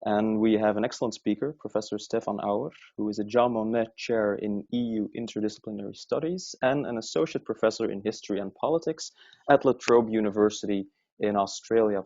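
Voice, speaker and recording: A man's voice: fairly low pitch, a little fast, warm tone, no echo. A man moderating a webinar, introducing the organization and the speaker in a friendly, loose way with many fillers. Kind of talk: event introduction. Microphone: computer mic on a webinar call. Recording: dry, dull webinar audio.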